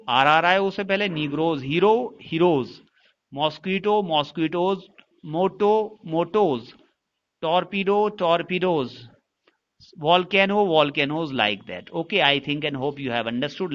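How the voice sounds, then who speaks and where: A male teacher with an Indian English accent speaks slowly and deliberately in a bright, forceful voice. He spells words out letter by letter and puts questions to the class before he answers them. The recording is a little dull and lo-fi. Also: on the high side. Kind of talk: classroom-style lesson in Hindi mixed with English.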